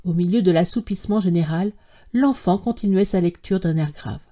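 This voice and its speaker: A woman narrating a classic short story as an audiobook, in a measured, literary reading style. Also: fairly low pitch, mellow.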